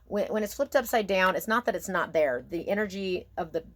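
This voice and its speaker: A woman giving a casual, intimate tarot reading, thinking aloud in a halting, musing way and often checking in with the listener. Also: medium pitch, animated, slight background noise. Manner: musing, halting, asks herself questions and checks in with "okay?". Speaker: tarot card reader.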